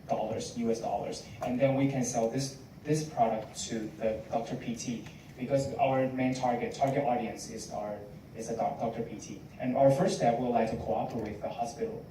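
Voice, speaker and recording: A male student contestant answering judges in halting, broken phrasing. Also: medium pitch, mellow. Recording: echoey hall, distant mic, noise.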